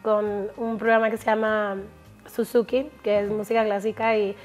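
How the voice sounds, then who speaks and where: A woman's voice: mid-range voice, little pitch movement, moderate pace, faint music behind. A middle-aged woman from Puerto Rico, a musician guest in a casual interview, who laughs often while she talks.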